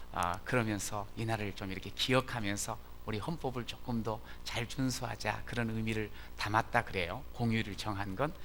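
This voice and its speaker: A male pastor giving a conversational Sunday sermon in a church, with frequent drawn-out "ah" fillers. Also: mid-range voice, a bit bright, slight background noise. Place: church sanctuary.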